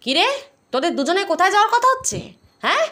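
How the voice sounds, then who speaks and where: A woman's voice: very high-pitched, sing-song, very fast, pushed and bright, heavily acted. A woman playing a nosy mother who scolds and questions her two children in a comedy sketch. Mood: scolding.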